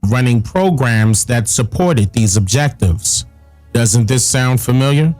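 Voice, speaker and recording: Man narrator, mid-pitched, even documentary read. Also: measured pace, soft background music.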